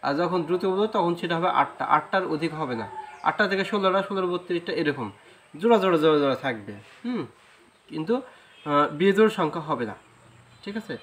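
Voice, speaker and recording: A man's voice: fairly high pitch, lively intonation, fairly bright tone, slight background noise. A man with a Bangladeshi Bengali accent teaching a flute lesson, patiently explaining rhythm and singing sargam syllables, often checking "right?". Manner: sings sargam syllables slowly. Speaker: music teacher. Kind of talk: flute lesson, spoken instruction.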